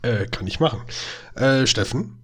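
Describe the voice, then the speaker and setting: A man's voice: mid-range voice, animated, measured pace, breathy edge. A man in his mid-thirties co-hosting a podcast in casual chat, making dry, teasing short remarks. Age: 30s. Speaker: podcast co-host.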